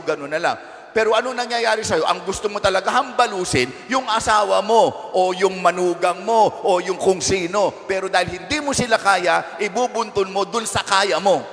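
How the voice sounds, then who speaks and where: High-voiced priest preaching in reverberant church. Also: male voice, a bit bright. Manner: asks the congregation frequent rhetorical questions; playful, teasing asides. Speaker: parish priest. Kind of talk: conversational homily.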